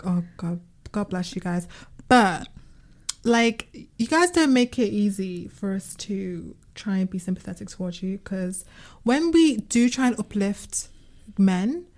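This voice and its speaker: A woman co-hosts a casual podcast. Her voice sits at a middling pitch, and she talks in a slangy, ranting, conversational way. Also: expressive, a little slow, darkish tone. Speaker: podcast co-host.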